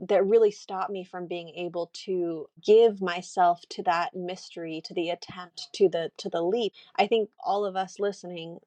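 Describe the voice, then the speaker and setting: Woman interview host, low voice, searching and thoughtful, dry close sound. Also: fairly even intonation, normal speed, few pauses, dark tone, no room sound. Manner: thoughtful, searching, with small restarts. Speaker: podcast host. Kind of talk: interview conversation.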